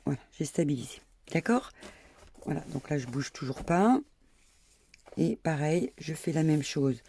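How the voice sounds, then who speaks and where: A woman's voice: deep voice, animated, unhurried, mellow, slight background noise. A middle-aged woman talking her viewers through a sewing tutorial as she works, chatty and self-mocking, peppering her steps with "hop" and "voilà".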